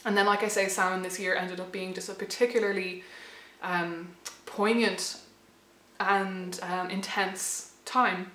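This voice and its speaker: Flat in delivery and unhurried, a channel host of around thirty reflects in her personal vlog, hesitating and restarting often. Her medium-pitched voice sounds a bit bright yet slightly worn, and the room carries an echo.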